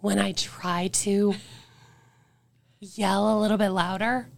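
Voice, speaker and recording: A woman in her forties with a hoarse, weakened voice, telling her story as a podcast guest in a candid, reflective way. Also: medium pitch, little pitch movement, takes it slowly, no room sound. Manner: earnest, reflective, breaks into faint whispers.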